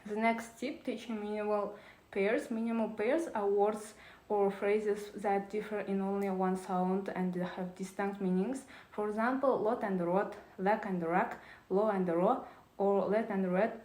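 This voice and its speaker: A woman's voice: medium pitch, fairly even intonation, measured pace, a little mellow, reverberant, poor audio. A woman presenting a prepared talk on teaching, reading carefully with small restarts.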